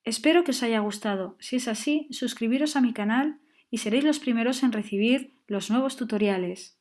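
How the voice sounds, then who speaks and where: Woman teaching grammar, slightly high. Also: brisk, darkish tone. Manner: clear, patient explaining with frequent check-ins. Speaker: English teacher. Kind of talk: grammar lesson.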